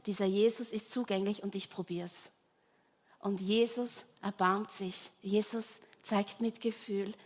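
Eine Frau predigt ernst und eindringlich und spricht die Zuhörer direkt an. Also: female voice, on the high side. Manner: earnest, emphatic, addresses listeners directly. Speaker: preacher. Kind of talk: sermon.

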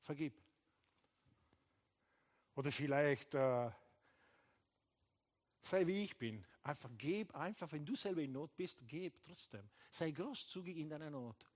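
This pastor's voice sits a little high, and he preaches a little slowly with frequent pauses. In a church hall, he gives a lively German sermon, acting out short exchanges and dropping in English phrases.

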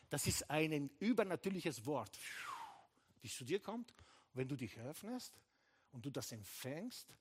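A man preaching a sermon as pastor, animated, acting out short dialogues and dropping English phrases into his German. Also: on the high side, slightly rough. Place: church hall.

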